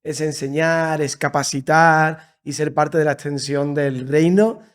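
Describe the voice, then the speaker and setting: A church leader in his thirties from Seville, Andalusia, appears as a podcast guest in a creative studio in Madrid, his Andalusian Spanish accent clear. In a casual conversational interview he tells his story warmly and enthusiastically, repeating himself often. His voice is fairly high-pitched and unhurried.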